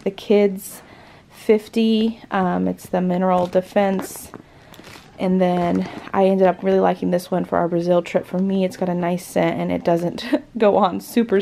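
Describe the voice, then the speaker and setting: A woman's voice: medium pitch, gravelly, darkish tone, a little hiss or hum. A woman in her thirties chatting casually as she packs for a trip, listing each item as she goes. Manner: chatty, lists items while packing. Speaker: vlogger. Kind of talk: casual packing vlog narration. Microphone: camera pointed down at items, speaker off-screen.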